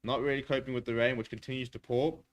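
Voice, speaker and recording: Guy doing fast live rugby commentary on a watchalong stream, lots of uh's, gets hyped on the big plays. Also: mid-range voice. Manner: rapid, excitable play-by-play with filler words.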